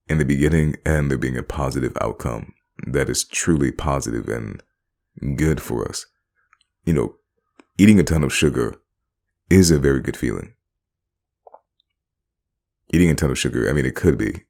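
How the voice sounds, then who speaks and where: A man's voice: rumbling low, gravelly, a little mellow. A man giving a rambling, casual monologue, often repeating himself and laughing between phrases. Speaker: vlogger.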